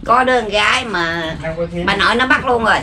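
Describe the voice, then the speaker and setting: A woman's voice: mid-range voice, a little fast, a crowd in the background. A woman in her seventies with a Southern Vietnamese accent, giving short, plain answers in a casual interview at her makeshift home. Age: 70s. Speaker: lottery ticket seller.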